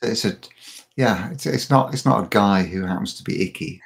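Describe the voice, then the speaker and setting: A man's voice: fairly low pitch, moderate pace, vocal fry. A middle-aged man, a coach guest on a podcast, talking casually and often restarting and repeating words. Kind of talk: casual interview chat.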